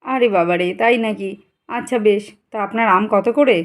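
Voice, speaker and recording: A woman's voice: a little high, lightly acted. A woman voicing an eager village mother who coaxes and bargains in a chatty way. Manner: quick, coaxing and chatty.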